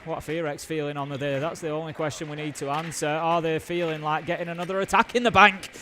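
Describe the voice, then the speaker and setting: A man with a Northern English accent casts a live esports match from his booth. His voice sits high for a man, and he explains the tactics in patient, analytical detail. A faint hiss runs underneath. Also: steady tone, quick pace, sharp tone. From England. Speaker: esports caster.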